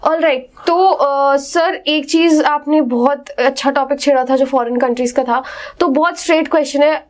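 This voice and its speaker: A woman's voice: sits high, normal speed. A young woman, a podcast host who asks questions and affirms her guest, switching freely between Hindi and English. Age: young adult. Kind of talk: podcast interview.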